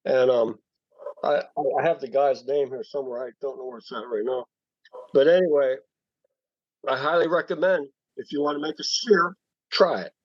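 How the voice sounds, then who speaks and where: A man speaking over a conference call from his cell phone, halting and repeating words as he explains a woodturning project. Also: medium pitch, fairly even intonation, no echo. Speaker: woodturning club member showing his work. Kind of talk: casual chat on a group call. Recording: dull dry phone-call audio.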